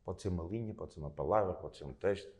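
A man's voice: deep voice, fast, mellow. A man with a European Portuguese accent hosting a casual interview, explaining things through everyday examples and frequent tag questions. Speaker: podcast host.

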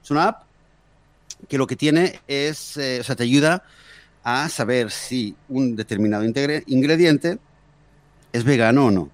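A man's voice: mid-range voice, a little slow, pauses often, dry recording. A man co-hosting a casual podcast chat, a father telling a story with many fillers and restarts. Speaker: podcast co-host; father of daughters.

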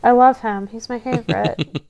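A woman's voice: on the high side, normal speed, gravelly, darkish tone, muffled recording. A woman chatting casually as a guest on a fan podcast.

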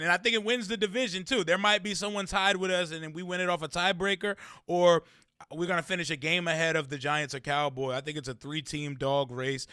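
A man in his late twenties chatting casually about sports, animated, laughing often and swearing now and then. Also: a little high, smooth, dry recording, clean studio sound. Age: 20s.

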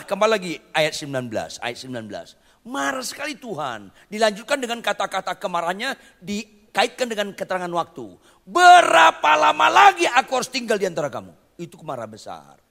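A man preaching a lively sermon, quizzing his congregation and tossing in jokey asides, in a church hall. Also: high-pitched, vocal fry. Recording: long reverb of a church hall.

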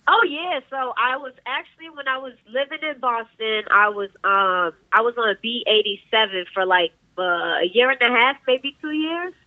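A woman's voice: on the high side, moderate pace, few pauses, no echo. Laid-back woman DJ on a tinny line. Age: 20s. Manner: laid-back slangy storytelling, laughs often. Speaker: DJ guest. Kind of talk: casual interview chat. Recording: tinny phone-like line, dry.

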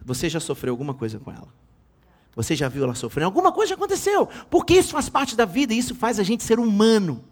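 High, lively bishop preaching. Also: male voice, fast. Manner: animated, playful, bursts into loud exclamations. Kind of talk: sermon with comic family storytelling.

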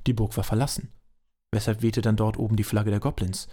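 A man's voice: lowish voice, level tone, a little fast, dark tone. A man narrating an amateur audio drama in a dry, matter-of-fact way.

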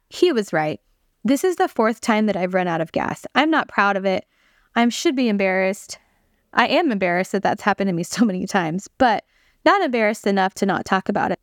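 A woman's voice: medium pitch, lively intonation, normal speed, dry recording. Woman host, mid-range voice, earnest conversational testimony addressed to listeners, dry close sound. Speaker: podcast host sharing a testimony. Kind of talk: personal faith testimony storytelling.

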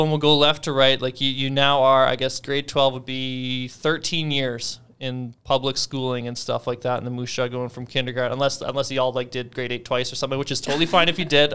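A man's voice: medium pitch, bright, forceful tone, smooth. A man hosting a casual interview with students, rambling and talkative, with many filler words. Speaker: host.

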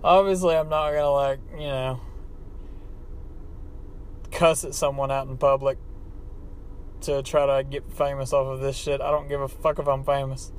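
A man's voice: medium pitch, flat delivery, normal speed, pauses often. A man with an Appalachian hillbilly accent recording a casual, unscripted, profane and self-deprecating podcast monologue in a car. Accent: Appalachian hillbilly American. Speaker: podcast host. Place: inside a car. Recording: background car noise, amateur setup.

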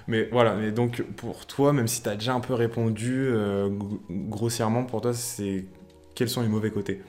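A man's voice: lowish voice, fairly even intonation, moderate pace, darkish tone, faint music behind. A young adult man hosting a casual podcast debate, asking the questions and steering the topic, talking hesitantly with many fillers and restarts. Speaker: podcast host.

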